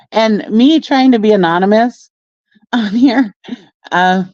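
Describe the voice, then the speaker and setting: A woman hosts a casual livestream, reacting to clips while she rambles, chats with viewers and laughs often. Her voice is a little high and a little mellow, recorded on a phone with a dry, dull lo-fi sound.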